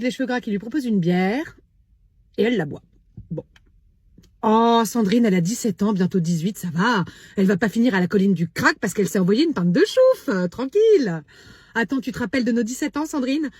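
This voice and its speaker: A woman's voice: high-pitched, husky. A woman in her thirties doing a comic phone-call monologue, brash and gossipy, full of slang and dramatic asides. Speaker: comic sketch performer.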